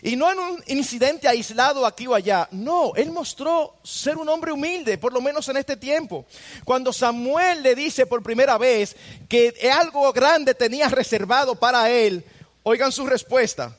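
High-voiced man preaching in a reverberant hall. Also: unhurried. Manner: earnest, addresses listeners directly with rhetorical questions. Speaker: pastor. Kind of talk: sermon.

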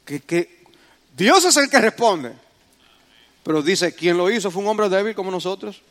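A man with a notably high voice delivers a sermon. His preaching is dramatic, and his voice swells to loud exclamations. He turns to the congregation with direct questions. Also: lively intonation, normal speed.

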